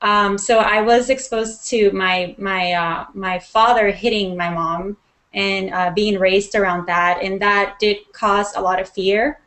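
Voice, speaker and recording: A woman's voice: mid-range voice, fairly even intonation, unhurried, fairly bright tone. A woman from Mexico, a guest in an interview, telling her personal story in an earnest, reflective way with frequent ums.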